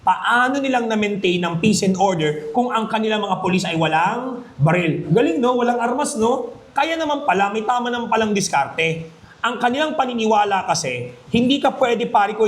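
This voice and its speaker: Man, high pitch, emphatic jokey review lecturer, echoey classroom. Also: expressive, normal speed. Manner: emphatic, jokey, keeps asking "Maliwanag?". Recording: echoey room.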